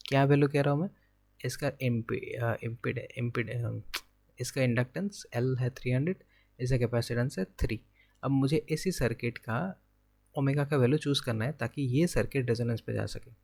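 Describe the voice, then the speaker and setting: A man's voice: mid-range voice, moderate pace, gravelly, darkish tone. Indian man teaching physics step by step. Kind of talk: exam-prep lecture, working problems aloud.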